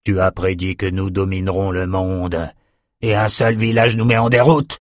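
A wrathful tyrant king of sea raiders, voiced by a male reader in a spoken storybook, snarling contempt at his beaten men. His voice is a bit husky and sits in the middle range, recorded close and dry with no room around it. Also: on the low side, a little slow, no echo. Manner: roaring, menacing. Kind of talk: audiobook character voice.

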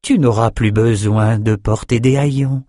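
A man's voice: medium pitch, steady tone, a little slow, warm tone, dry recording, clean studio sound, close to an everyday voice. A man voicing an imperious, possessive woman who heads a circle of scholars, speaking with condescending sweetness. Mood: sweet.

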